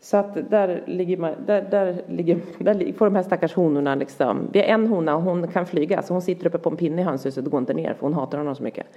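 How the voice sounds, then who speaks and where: A woman in her forties, chatting casually as a podcast co-host and telling a lively story with casual swearing. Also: lowish voice, hardly any pauses, highs cut off. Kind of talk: casual chat.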